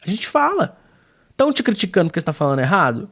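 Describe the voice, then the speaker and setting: A slightly high-voiced Brazilian man gives a casual video lesson. His delivery is emphatic and informal, swinging up and down in pitch and full of slang and filler tags. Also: sing-song, fast talker, fairly bright tone. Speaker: English teacher.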